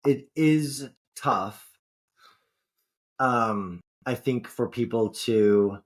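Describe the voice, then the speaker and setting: A man with a medium-pitched voice speaks extremely slowly while co-hosting a podcast. He rambles and curses through the casual conversation, frequently restarting what he's saying.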